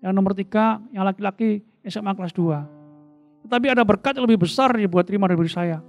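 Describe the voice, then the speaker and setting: A middle-aged man, giving an emotional personal testimony, his voice swinging from hushed to loud. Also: high-pitched, fast. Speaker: testimony speaker. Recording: soft guitar music underneath.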